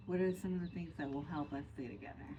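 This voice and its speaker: A woman's voice: deep voice, quick pace, dark tone, slight background noise, low-quality recording. A woman co-hosting a podcast, speaking in an earnest, emphatic way as she lays out points. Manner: earnest and emphatic, building lists. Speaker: podcast co-host. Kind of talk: casual chat.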